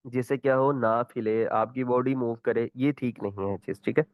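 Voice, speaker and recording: Patient Urdu-accented teacher on a tinny line. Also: male voice, medium pitch, steady tone, no echo. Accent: Pakistani Urdu. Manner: explains patiently, repeats questions, then recites example words slowly. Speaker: Quran recitation teacher. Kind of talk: online tajweed lesson.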